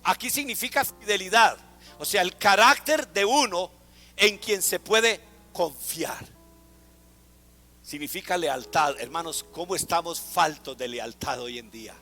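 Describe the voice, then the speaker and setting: A man's voice: high-pitched, measured pace, sharp tone, in a large hall, soft background music. A man preaching a sermon to a congregation, asking them to repeat words after him. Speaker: pastor. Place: church.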